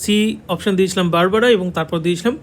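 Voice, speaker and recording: High-voiced Bengali man teaching a lesson. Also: very fast, slight background noise. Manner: repeats key answers, checks in with "ঠিক আছে". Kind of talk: online exam-prep lesson. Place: classroom with a board.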